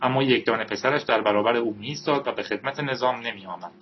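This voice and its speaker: Male audiobook narrator, mid-pitched, even and measured; dull recording with faint hiss.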